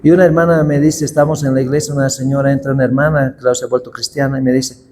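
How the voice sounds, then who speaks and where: A male pastor preaching a sermon, reading scripture slowly and deliberately. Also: medium pitch, little pitch movement, noisy background. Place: church hall. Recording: long hall reverb.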